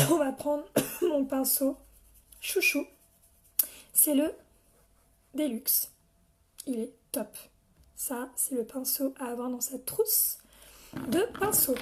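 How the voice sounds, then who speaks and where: Young woman with a high voice hosting a casual live makeup demo, chatty with her viewers. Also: noisy background. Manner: chatty, addresses viewers by name, frequent coughs. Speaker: makeup seller training her team.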